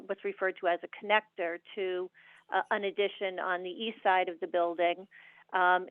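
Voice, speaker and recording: A woman comes through a speakerphone, her voice thin and phone-like with no room around it. She keeps a flat, level delivery. She walks through a formal presentation, pausing on ums and uhs. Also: medium pitch, no echo. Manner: steady, with frequent ums and uhs. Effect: heard over a speakerphone. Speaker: consultant presenting a permit application. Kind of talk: formal presentation at a public meeting. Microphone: speakerphone on a remote call. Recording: tinny, dry phone line.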